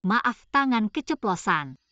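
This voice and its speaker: A young actress dubbing a cool, sharp-tongued heroine in a short drama, cutting and composed. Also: female voice, medium pitch, sing-song, a little slow, no room sound, muffled recording. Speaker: dub actress.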